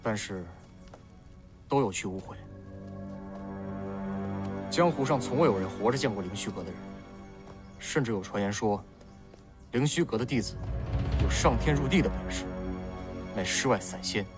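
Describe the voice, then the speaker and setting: An actor playing a martial-arts retainer in a costume drama, reporting in a formal, measured, ominous way. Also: male voice, lowish voice, expressive, lightly acted. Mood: grave. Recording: music behind the voice.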